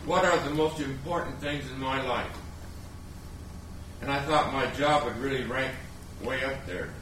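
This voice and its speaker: A middle-aged man recounts his experience earnestly to an audience, like a seasoned panelist. His voice comes from far off in a very echoey room. A clear hiss runs underneath. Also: mid-range voice, unhurried, fairly bright tone. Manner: earnest, storytelling. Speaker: panelist, former missionary. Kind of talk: reflective talk to an audience. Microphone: distant room mic. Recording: very echoey, distant, hissy.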